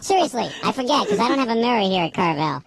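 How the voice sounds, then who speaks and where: A man voicing a cheeky talking ice cream cake through a pitch-shifted voice effect, teasing and needling in a radio comedy bit. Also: sing-song, quick pace, vocal fry, very noisy, exaggerated voice. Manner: teasing, needling, mock-innocent. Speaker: radio host.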